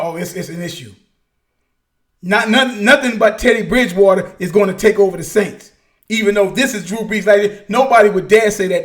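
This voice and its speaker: A man with a fairly high voice hosts a loose sports talk show. He rants in an animated way, restarting his words and using folksy slang. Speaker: podcast host. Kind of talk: casual sports rant.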